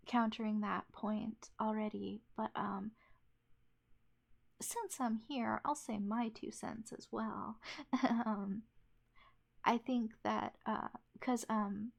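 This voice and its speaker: A woman giving casual, unscripted commentary as a reviewer, rambling haltingly with lots of fillers and self-corrections. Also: fairly high pitch, vocal fry. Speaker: anime reviewer.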